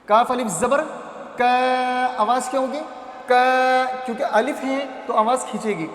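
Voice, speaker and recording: A man teaching a Quran reading primer, drawing out syllables in slow chant between quick explanations and asking then answering his own questions. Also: very high-pitched, a bit bright, roomy sound, big-room sound.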